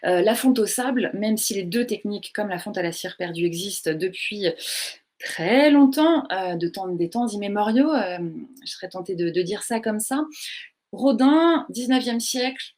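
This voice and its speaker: A woman's voice: medium pitch, normal speed, a little mellow. Woman lecturing on art history online, chatty, lots of ums, keeps correcting herself, answers questions from viewers. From France. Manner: chatty, many fillers and self-corrections.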